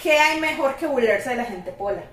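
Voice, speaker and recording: A woman's voice: high-pitched, lively intonation, moderate pace, fairly bright tone. A young woman with a Costa Rican accent co-hosting a casual podcast chat in a bubbly, encouraging way. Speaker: podcast co-host. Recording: echoey room.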